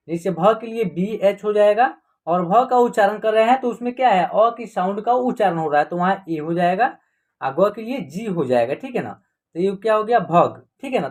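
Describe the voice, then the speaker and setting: A patient teacher, giving an online spelling lesson and slowly spelling out words letter by letter, with frequent checks that the class is following. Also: medium pitch, darkish tone. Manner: patient, repetitive, keeps checking "theek hai na".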